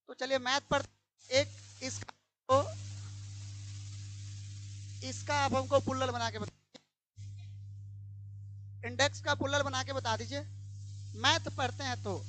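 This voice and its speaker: A woman with a high voice teaches grammar to a room of pupils. She fires questions at them and repeats each one until they answer. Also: fairly even intonation, slow pace, long pauses, a bit bright. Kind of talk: classroom grammar lesson. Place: classroom.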